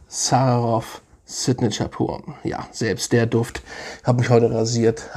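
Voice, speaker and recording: Husky-voiced man reviewing perfumes casually. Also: mid-range voice, warm tone. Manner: enthusiastic, repeats words like 'sehr, sehr nice'. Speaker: fragrance reviewer.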